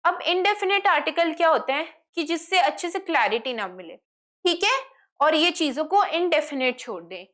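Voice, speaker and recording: A woman with an Indian accent teaching an online grammar lesson. She explains slowly and asks her students questions that she answers herself. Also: high-pitched, big pitch swings, a bit bright. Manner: explains slowly in English, then fast in Hindi, asking and answering her own questions. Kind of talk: online lesson, mixing Hindi and English.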